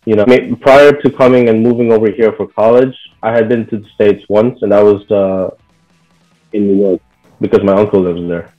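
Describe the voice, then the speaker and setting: Being interviewed, a young Bahraini man speaks at a moderate pace in a fairly low voice, easygoing and heavy on "like" and "you know" fillers. The sound is lo-fi, with soft background music.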